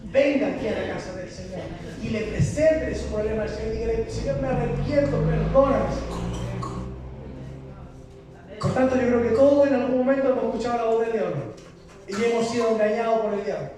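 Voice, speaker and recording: High-voiced preacher in an echoey hall. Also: male voice, fast talker, crowd noise. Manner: impassioned preaching with rhetorical questions to the congregation. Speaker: pastor. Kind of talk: sermon. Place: church hall. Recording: echoey hall from far off with noise.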